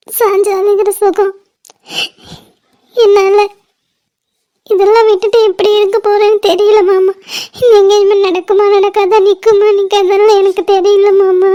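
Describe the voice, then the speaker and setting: A lovesick young woman in a homemade cartoon, voiced by a woman, pleading through tears in a very high, thin voice. Her pitch barely moves, flat and stuck up high, with a soft, dark tone rather than a sharp one. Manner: pleading, weepy.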